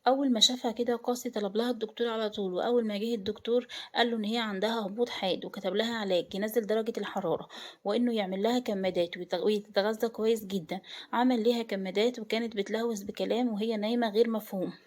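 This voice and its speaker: A woman with an Egyptian accent narrating a dramatic romance story in a brisk storytelling manner. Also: medium pitch, fairly even intonation, a little mellow. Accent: Egyptian Arabic.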